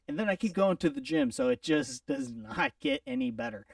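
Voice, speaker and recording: Guy cohosting football picks, high pitched, super animated, dry room, kinda far from mic. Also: a little fast, vocal fry, no echo. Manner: excitable, playful, theatrical swings in loudness. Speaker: podcast co-host. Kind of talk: casual sports prediction chat.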